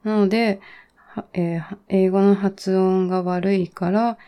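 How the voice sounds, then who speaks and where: A woman in her thirties talking in a relaxed, reflective monologue, full of fillers and trailing asides, as she gives advice on learning English. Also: mid-range voice, slow pace. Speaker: podcast host giving English learning advice. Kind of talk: casual monologue.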